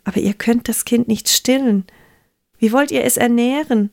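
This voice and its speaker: A woman's voice: fairly high pitch, normal speed, vocal fry, a little mellow. A woman voicing a humble female servant in a Bible storybook, speaking hesitantly and with deference.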